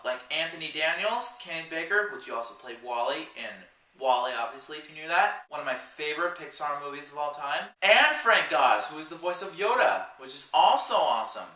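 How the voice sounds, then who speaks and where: Pitched on the high side with a sharp tone, this man talks through a laid-back movie review vlog. He's chatty and rambling, forever sidetracked by asides, and the distant mic picks up plenty of room echo.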